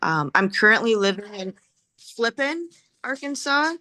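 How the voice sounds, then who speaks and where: A woman's voice: a little high, very animated, measured pace, pushed and bright. A woman in her forties from Michigan, introducing herself as a pharmacist on a video call in a chatty way. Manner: chatty, laughs easily. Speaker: pharmacist applicant.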